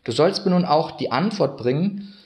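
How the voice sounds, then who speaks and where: A man voicing a gentle, patient young Christ child, speaking kindly in a soft questioning way. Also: on the high side, lively intonation, normal speed, pitched above the performer's own voice, lightly acted. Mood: tender. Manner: kind, softly questioning.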